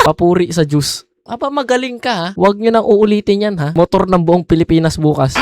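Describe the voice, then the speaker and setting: A young man, hosting a casual meme reaction video with animated, exclamatory commentary that mixes Tagalog and English. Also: high voice, dry recording, studio quality.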